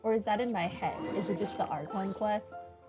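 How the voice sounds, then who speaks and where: Over game music, a female game streamer chats casually through her playthrough, cracking dry jokes at her own expense. She speaks in a mid-range voice at a normal speed.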